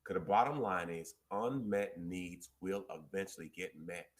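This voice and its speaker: A low-voiced man hosts a relationship advice chat in an emphatic, preachy way, quoting scripture and slowly repeating his key points.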